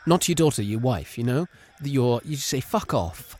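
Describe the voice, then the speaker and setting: A man playing an angry, erratic young understudy actor who swears a lot and swings between loud and soft. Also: mid-range voice, animated, a little fast, close to an everyday voice. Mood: ranting. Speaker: improvised comedy performer.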